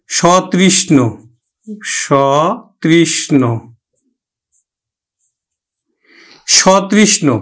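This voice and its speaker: A man's voice: high voice, a bit bright. A man teaching a pronunciation lesson, drawing words out syllable by syllable and repeating them. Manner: slow, drawn-out syllable-by-syllable modelling, repeating words. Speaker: language teacher. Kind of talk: slow classroom pronunciation lesson.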